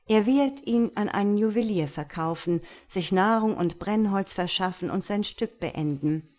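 A woman's voice: mid-range voice, a little slow, natural voice. A woman reading a fairy tale aloud and voicing a selfless, sad statue prince who speaks earnestly and insistently. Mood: sorrowful. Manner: earnest, insistent, softly commanding.

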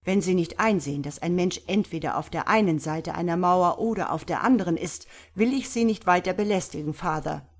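A brisk male doctor fires off pointed questions, his patience wearing thin, as a woman puts him on. The voice is sharp and pushy and quick to anger. It sounds like a storybook skeptic losing his temper. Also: fairly low pitch, lively intonation. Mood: impatient.

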